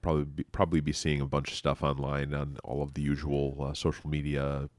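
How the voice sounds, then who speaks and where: Man, podcast host, low pitch, stuffy nose, rambling casual chat, dry sound. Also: brisk, no echo. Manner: relaxed, rambling, dry humor. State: stuffy from allergies.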